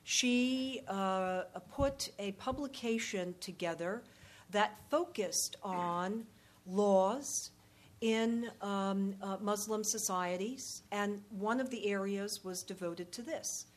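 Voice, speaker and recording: A woman with a medium-pitched voice answers questions as a panel expert. She is measured and diplomatic, with frequent pauses and repeated words as she works through each answer. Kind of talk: unscripted answers at a public question-and-answer session.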